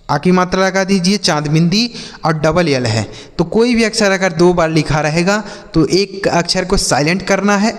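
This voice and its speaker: Brief: male phonics teacher, high voice, asks questions and answers them, long reverb. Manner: explains step by step, repeats his own questions and answers them; addresses students as kids and brother. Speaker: English teacher. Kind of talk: classroom-style phonics lesson.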